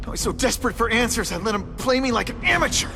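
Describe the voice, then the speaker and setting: An actor playing a young, wisecracking masked superhero in a video game, cocky but earnest, with a quippy, sarcastic manner. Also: male voice, extremely high pitch, expressive, quick pace. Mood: rueful narration. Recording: loud music under the voice.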